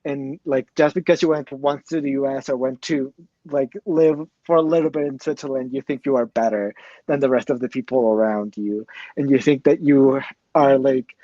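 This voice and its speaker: A man's voice: mid-range voice, fairly even intonation, mellow, dry recording. Exasperated man, dull dry mic. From Mexico. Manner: exasperated, quick rant with laughs. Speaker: podcast co-host. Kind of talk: casual podcast discussion.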